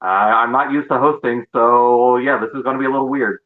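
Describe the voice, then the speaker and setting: A man's voice: medium pitch, level tone, a little fast. A man co-hosting a casual podcast chat, his voice muffled and dull as if talking through a tube sock, stammering a little. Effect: muffled, dull audio, as if through a tube sock. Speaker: podcast co-host. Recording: muffled lo-fi mic with faint noise.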